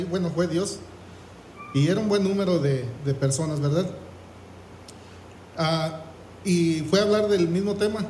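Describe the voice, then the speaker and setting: A man's voice: on the high side, darkish tone, reverberant, slight background noise, low-quality recording. A man preaching a sermon, reading scripture aloud and asking the congregation questions. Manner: reads scripture aloud, asks the congregation "¿qué?".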